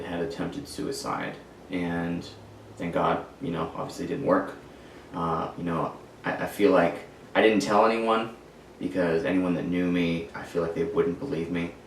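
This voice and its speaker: Podcast guest, man in his twenties, deep rough voice, slow halting storytelling, room echo. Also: slight background noise. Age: 20s. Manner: halting, searching for words. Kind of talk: personal storytelling. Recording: echoey room, far from mic.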